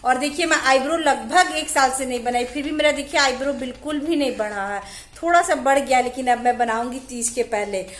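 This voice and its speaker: A woman, chatting quickly and freely to camera at home as a home vlogger. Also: high voice. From Jharkhand, India. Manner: chatty, talks fast. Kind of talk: casual chat to camera. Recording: echoey room with faint music.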